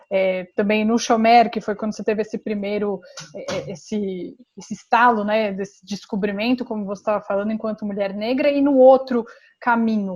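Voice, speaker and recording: A woman hosting a podcast, asking her guests loosely phrased, inquisitive questions. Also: medium pitch. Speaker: podcast host. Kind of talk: interviewing guests. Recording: dull lo-fi sound.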